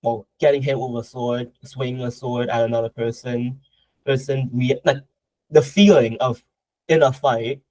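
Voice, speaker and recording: A man's voice: medium pitch, fairly even intonation, moderate pace, darkish tone, no room sound, poor audio. A young man from Southern Vietnam, answering interview questions casually, with a lot of hesitation, fillers and restarts. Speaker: guest martial artist.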